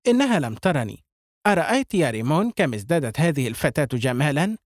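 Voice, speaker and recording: A man doing an effusive, exclaiming gentleman. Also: fairly high pitch, big pitch swings, fast talker, dry recording, clean studio sound.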